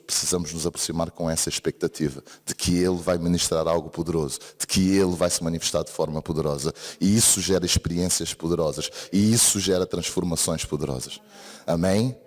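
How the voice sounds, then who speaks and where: A man with a deep, low voice preaches a church sermon, his Brazilian accent mixed with a European Portuguese lilt. He speaks earnestly and keeps turning to the congregation for an amen, while a long reverb from the church hall trails behind every phrase.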